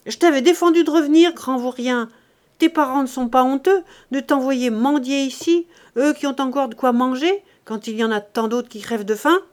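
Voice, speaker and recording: A woman reading a young woman in an audiobook who is firm but kind, gently reproving. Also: fairly high pitch, fast, hardly any pauses, natural voice. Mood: angry scolding.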